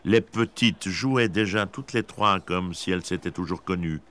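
Deep-voiced male storyteller. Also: slight background noise. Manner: measured, expressive storytelling. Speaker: narrator. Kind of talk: scripted storybook narration.

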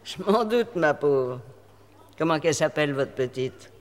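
A man's voice: fairly high pitch, animated, measured pace. A man voicing a scheming female innkeeper who sweet-talks a mother and then haggles over money. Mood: honeyed. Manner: falsely friendly, then haggling. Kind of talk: audio drama acting. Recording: hall reverb with faint noise.

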